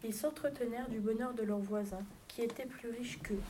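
A woman reading a fairy tale aloud in a fairly high voice, steady with a few small stumbles. Clear hiss and clicking noises sit under the reading. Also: fairly quick. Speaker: narrator. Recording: noisy home recording with clicks.

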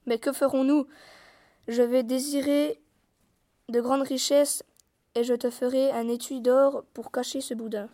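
Husband part in a read-aloud tale, sensible but quick to anger, played by a woman with a high, dry voice. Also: little pitch movement, dark tone, no echo. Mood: pleading. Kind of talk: storybook reading in parts.

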